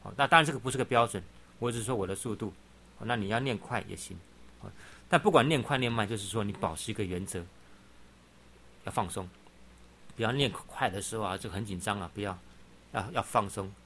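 A man's voice: on the low side, brisk, long pauses, fairly bright tone. A middle-aged man giving a Buddhist dharma talk, patiently explaining and often saying "好" between points. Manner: frequent "好" interjections, patient explaining. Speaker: Buddhist teacher. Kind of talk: dharma talk answering questions.

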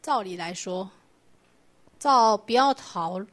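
A woman's voice: mid-range voice, lively intonation, slow, fairly bright tone. A woman teaching a Buddhist doctrine lecture, explaining patiently and asking her class rhetorical questions.

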